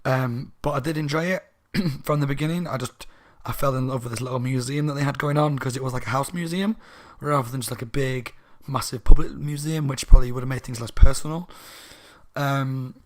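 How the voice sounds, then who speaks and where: A man's voice: medium pitch, brisk. A man giving a casual, slightly drunk book review, rambling and correcting himself. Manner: rambling, tipsy, self-correcting.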